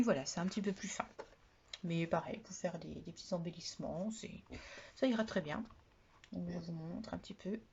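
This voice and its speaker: A soft-spoken woman demonstrating craft supplies in a chatty product haul vlog, often trailing off quietly, on a dull lo-fi recording with faint noise. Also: medium pitch. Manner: chatty, repeats "voilà" often. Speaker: craft vlogger.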